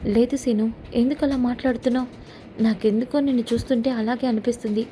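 A troubled young woman keeping something back, as a woman narrator voices her in a serial recap. She speaks tensely and pleadingly in a slightly high, dark, mellow voice. Faint noise sits behind. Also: fairly even intonation, quick pace, lightly acted. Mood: defensive.

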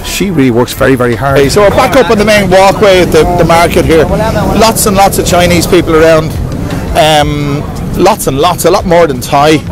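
A man's voice: a little high, moderate pace, poor audio. An Irish man in his fifties hosting a casual street vlog at a night market, rambling and repeating himself as he talks to his viewers. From Ireland. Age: 50s. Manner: chatty, repetitive, addresses viewers as lads. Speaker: vlogger host. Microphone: handheld camera mic. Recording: outdoor street with crowd and music.

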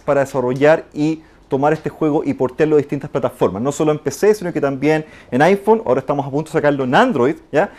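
Animated Chilean man giving a talk. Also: a little high. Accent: Chilean Spanish. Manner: animated, acts out quoted voices, frequent tag questions. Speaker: conference speaker. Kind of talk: lively conference talk.

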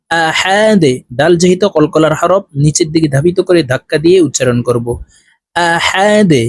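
A man, his voice sitting a little high, teaches recitation in a spoken lesson. He breaks words into letters and vowel marks and spells each one out with patient care. The close recording is dry, with no room echo.

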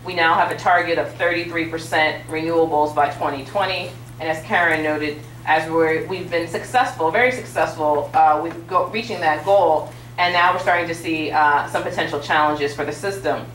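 A woman's voice: low voice, fairly even intonation, moderate pace, few pauses, a bit bright, a little hiss or hum. A woman commissioner giving formal policy remarks on a panel, with many small fillers. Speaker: state utilities commissioner on a panel. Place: large auditorium stage with audience. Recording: roomy hall sound from a distance.

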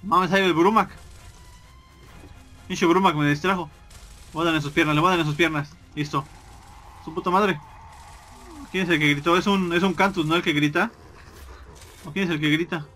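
A man's voice: fairly high pitch, steady tone, normal speed, pauses often, sharp tone, soft background music. A man doing casual, joking gameplay commentary and swearing constantly.

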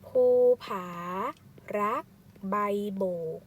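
A woman teacher leading a first-grade reading lesson, reading word by word and spelling out each syllable. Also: drawn-out words. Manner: reads syllable by syllable, spelling out sounds. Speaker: primary school teacher.

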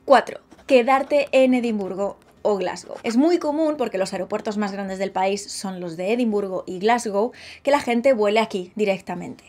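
A young woman, talking lively and chatty to camera in a casual vlog, recorded close up in a small bright room. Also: a little high. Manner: lively, chatty, gestures a lot with her hands. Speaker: vlogger.

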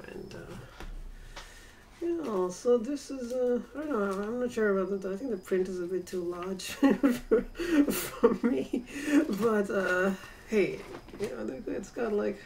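A woman's voice: medium pitch, slow pace, vocal fry, darkish tone, far from the mic, a little hiss or hum. A forty-year-old woman vlogging casually from her bedroom, rambling and hesitant with many fillers. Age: 40s. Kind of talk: casual personal vlog. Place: small cluttered bedroom indoors. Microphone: built-in webcam mic at desk distance.

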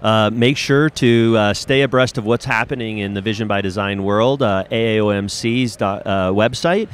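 Low-voiced man hosting a podcast. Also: moderate pace. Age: middle-aged. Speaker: podcast host. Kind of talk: casual interview hosting. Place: curtained booth at a convention. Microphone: handheld microphone held close, with headphones. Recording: clear background noise of convention hall.

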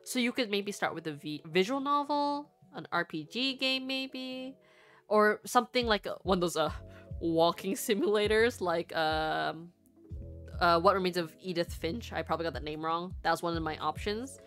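Chatting with her livestream viewers, the young VTuber streamer and artist speaks on the low side at a moderate pace, her tone a little bright. She rambles and giggles casually, her nose occasionally stuffy, while faint music plays underneath.

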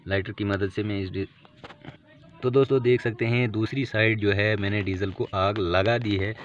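A man's voice: fairly low pitch, a little mellow. A man with a Jammu and Kashmir Hindi accent giving a step-by-step outdoor how-to demonstration, talking into a handheld phone camera. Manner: explains step by step, addressing friends. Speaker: beekeeping channel host. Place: outdoors on bare ground. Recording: dull lo-fi phone audio, faint outdoor noise.

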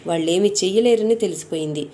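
A woman narrating a devotional story in a steady, even storytelling manner. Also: lowish voice, fast.

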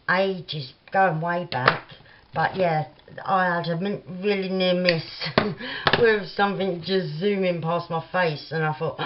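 Cockney woman, low voice, slow unhurried talk, crafting at home, dull lo-fi recording with loud clicks. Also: background noise. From London. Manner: chatty, thinks aloud while working. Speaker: craft vlogger. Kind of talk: casual crafting tutorial.

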